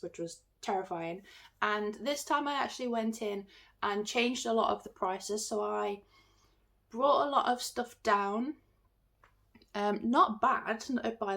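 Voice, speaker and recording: A woman's voice: a little high, gravelly, fairly bright tone. English girl vlogging on her phone, throat sounds swollen and bunged up, rambly casual chat. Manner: rambling, self-deprecating, informal. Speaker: artist and craft market seller vlogging. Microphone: phone filming.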